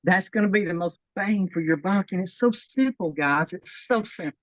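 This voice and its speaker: A woman's voice: on the low side, animated, moderate pace, dry recording, rough recording. A woman leading a workout on a video call, slightly out of breath, encouraging and repeating that people should keep it simple. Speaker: fitness instructor. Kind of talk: workout demonstration and advice.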